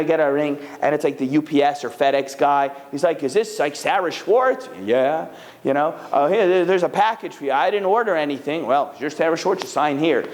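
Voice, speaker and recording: This man's voice sits on the high side and trails off in a long reverb tail. He's answering questions from a live audience in a chatty, animated way, his speech full of fillers.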